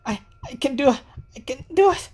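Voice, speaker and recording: A woman's voice: on the high side, moderate pace, darkish tone, pitched above the performer's own voice, lightly acted. A woman voicing an anxious young student character in a game, stammering and repeating words in panic. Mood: panicked.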